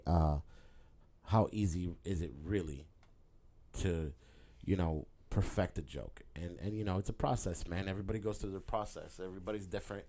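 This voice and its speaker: A man's voice: deep voice, dark tone. A man who is a comedian, talking loosely on his podcast with lots of fillers and swearing. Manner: rambling, loose, heavy filler and profanity. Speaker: stand-up comedian and podcast host. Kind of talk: casual podcast monologue.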